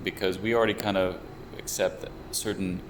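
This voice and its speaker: A young man from the US who works in VR research and development talks carefully through his thinking in an interview, with many restarts. His very low voice shows little pitch movement, and an air conditioner hums steadily nearby.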